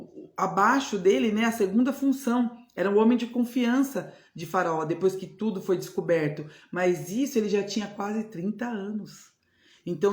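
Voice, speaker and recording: A woman with a Brazilian Portuguese accent gives a devotional teaching as a spiritual mentor, pitched at an ordinary middle height. She speaks earnestly and circles back over her points, often seeking agreement. The recording carries a noticeable roomy echo. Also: darkish tone. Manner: earnest, repetitive, tag questions.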